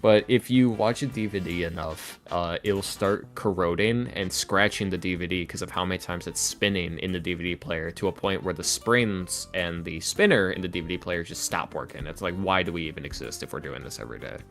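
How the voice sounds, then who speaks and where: A low-voiced man in his early twenties talks fairly quickly with few pauses, rambling in a casual, slangy way as a podcast guest. He creates ASMR roleplays and does voice acting, and soft guitar music plays behind him.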